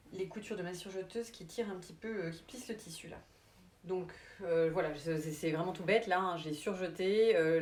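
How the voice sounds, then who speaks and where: Chatty woman teaching sewing, echoey room. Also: on the low side. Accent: English. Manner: relaxed and chatty, many fillers. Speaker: sewing instructor. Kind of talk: live sewing tutorial.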